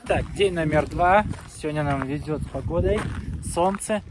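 A man's voice: on the high side, moderate pace. Man vlogging on a windy desert hike. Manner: chatty, narrating to camera while walking. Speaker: family vlogger. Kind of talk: casual hiking vlog. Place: outdoors in a windy desert canyon. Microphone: camera held at arm's length. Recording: wind and outdoor noise behind.

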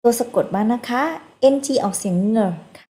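A woman teaching a phonics lesson to children, slowly repeating each sound in drills with polite particles. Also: on the high side, fairly even intonation, mellow.

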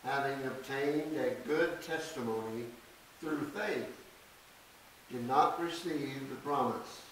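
An older man preaching a sermon at a church podium, reading scripture slowly and deliberately with emphatic stresses. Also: mid-range voice, fairly bright tone. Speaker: pastor. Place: small church sanctuary. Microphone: podium mic from a distance. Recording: echoey church, distant mic, faint hiss.

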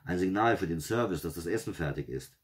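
A man reading a story, voicing the narrator's calm, sensible partner in a matter-of-fact way. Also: low-pitched, a little fast.

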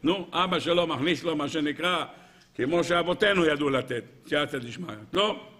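A man teaching as a rabbi, telling a parable in a lively way and asking his audience rhetorical questions. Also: on the high side. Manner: lively storyteller who acts out characters. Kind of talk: Torah lesson with a parable.

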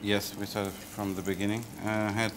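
A man with a Portuguese accent, a chef and restaurant owner, speaking hesitant, halting English with many fillers in his kitchen. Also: fairly low pitch, level tone. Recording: noisy kitchen location sound.

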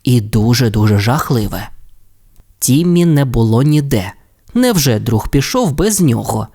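A man narrating a children's audio tale in an expressive, friendly way. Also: mid-range voice, unhurried. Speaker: storyteller. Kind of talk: scripted children's story narration.

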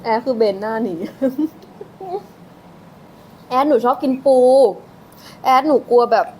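A woman's voice: a little high, takes it slowly, darkish tone, slightly rough. A young woman hosting a casual live stream, giggling, teasing and thanking her viewers, slipping English phrases into her talk. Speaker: live-stream host eating on camera.

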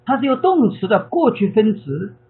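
A man advising on English grammar in measured, modest explanations over an online call. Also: high voice, sing-song, husky. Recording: phone-like online call audio.

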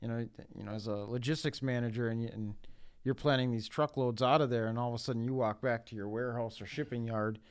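Smooth-voiced man explaining shipping matters. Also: medium pitch, steady tone, fast talker. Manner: practical, explains things through drivers' everyday situations. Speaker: logistics panelist. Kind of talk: casual panel discussion.

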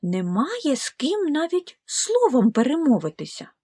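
A woman's voice: on the high side, sing-song, unhurried, fairly bright tone, dry recording, clean studio sound, heavily acted. A woman voicing a lonely, eager little male gosling in a storybook tale, honking and plaintive. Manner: honking goose calls, plaintive.

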